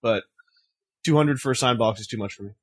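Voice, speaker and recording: A man co-hosting a casual podcast chat, excitable and rambling, laughing often. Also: mid-range voice, quick pace. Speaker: podcast co-host.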